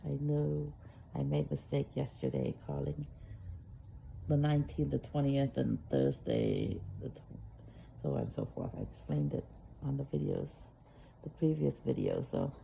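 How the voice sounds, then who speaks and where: A freshly woken woman chats in a slow, meandering way on her living-room couch, with a gravelly, fry-heavy voice that sits low and dark. She trails off, restarts and fills gaps with soft "ums" and chuckles. Faint room noise sits quietly behind her. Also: rough recording. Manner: rambling and hesitant, many fillers, soft chuckles. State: groggy, just woke up. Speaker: vlogger. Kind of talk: casual morning vlog.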